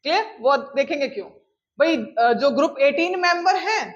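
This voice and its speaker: A high-pitched woman delivers a chemistry lecture, slowing down to dictate definitions and checking in with her students again and again. The recording sounds a little dull and lo-fi. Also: animated. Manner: checks in often with "clear?", calls students "beta"; mixes English phrases into explanations, dictates definitions slowly. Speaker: chemistry teacher. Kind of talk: classroom lecture.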